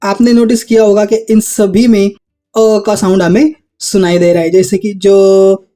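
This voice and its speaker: A teacher walking students through Hindi vowel signs, spelling out words one syllable at a time. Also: male voice, high-pitched, level tone, measured pace, mellow. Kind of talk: Hindi phonics lesson.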